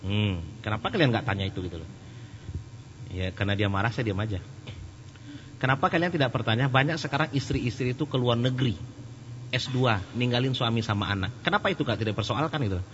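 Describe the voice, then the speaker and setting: A man's voice: mid-range voice, fast talker, a bit bright. Middle-aged male preacher, joking and chatty, answers questions in a reverberant hall. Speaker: Islamic preacher. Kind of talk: sermon with audience questions. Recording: echoey hall, dull and slightly noisy.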